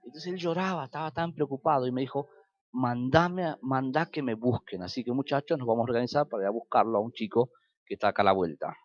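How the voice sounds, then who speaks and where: A man's voice: medium pitch, fast, no echo, muffled recording. A man with an Argentine Spanish accent preaching a sermon as pastor, telling stories and acting out quoted dialogue with sudden rises and drops.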